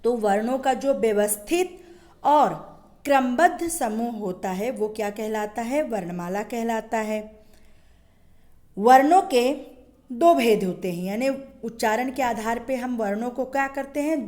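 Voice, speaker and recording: A woman's voice: a little high, expressive, measured pace, a little mellow. A woman schoolteacher giving a Hindi grammar lesson, asking questions and answering them herself, drawing out example sounds. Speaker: school teacher.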